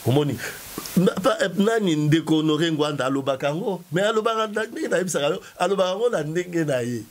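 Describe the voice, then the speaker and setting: A man giving emphatic, animated political commentary, often halting to find his words. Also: on the high side. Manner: animated, emphatic, code-switching.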